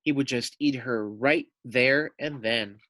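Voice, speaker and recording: Reading a children's story to first graders, a male teacher breaks in with chatty asides and questions for the kids. He speaks slowly at medium pitch, in a bright, forceful tone, and the recording is rough with no echo.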